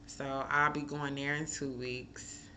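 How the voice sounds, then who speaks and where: A woman's voice: extremely low pitch, level tone, slow, sharp tone, slight background noise. A woman from Chicago, a chef and mother, talking candidly and emotionally in a casual personal vlog, rambling with many fillers. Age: adult with a school-age son. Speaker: chef and mom.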